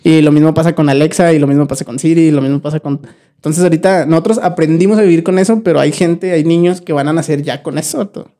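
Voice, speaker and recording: Young Mexican man, casual podcast talk, slangy, higher-set mellow tone. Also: fast. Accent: Mexican Spanish. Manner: relaxed slangy, frequent restarts and fillers. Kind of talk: casual chat.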